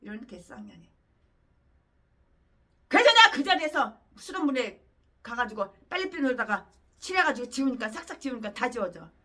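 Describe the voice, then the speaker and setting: A woman pastor delivers a fiery sermon in an angry, scornful rant full of crude insults. Her voice is high and bright, with a sharp, piercing edge. She sounds set back from the microphone. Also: big pitch swings, normal speed, pauses often, recorded from a distance. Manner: angry, scornful, profane ranting.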